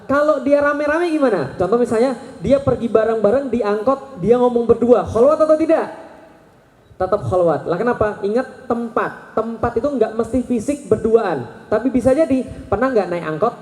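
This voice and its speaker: A man in his thirties giving a lively religious talk to a live audience, questioning the crowd and joking. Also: extremely high pitch, moderate pace. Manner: animated, asks the crowd questions and jokes. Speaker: Islamic preacher. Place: large hall with an audience. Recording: echoey hall recording.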